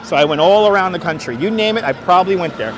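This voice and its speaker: Fast-talking and expressive, this man's voice sits high and carries a heavy Brooklyn accent. He's walking busy Manhattan streets while hosting a live tour, casually chatting and narrating what he sees. The recording picks up clear traffic sounds and the general bustle of the street.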